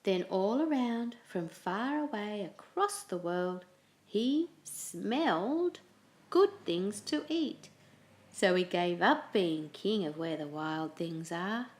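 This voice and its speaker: Here a children's picture book is read aloud by a woman whose slow, expressive delivery has a storyteller's lively pitch.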